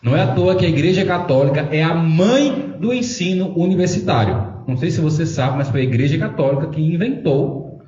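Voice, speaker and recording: Animated man teaching. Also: fairly high pitch, fairly quick. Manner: animated, acts out dialogue in his stories. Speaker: religious brother teaching a Bible study. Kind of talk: Bible study talk with storytelling. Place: chapel. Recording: echoey chapel, distant mic, dull sound, faint noise.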